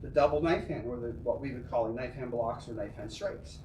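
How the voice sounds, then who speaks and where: A man's voice: medium pitch, fairly quick, a little mellow, far from the mic, slight background noise. Encouraging man teaching karate, echoey. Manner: encouraging, explains step by step with frequent "okay? right?". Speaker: karate instructor. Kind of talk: online class instruction.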